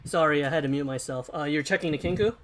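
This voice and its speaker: Laid-back game master, slightly high voice. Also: male voice, fast, music in the background. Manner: casual, laughs often, many fillers. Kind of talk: running an online tabletop game.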